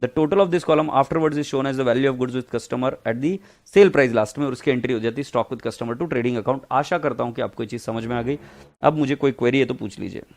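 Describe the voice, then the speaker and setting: A man with an Indian accent teaching an accounts class online, reading English text slowly and explaining in fast Hindi with teasing asides to students. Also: mid-range voice, darkish tone.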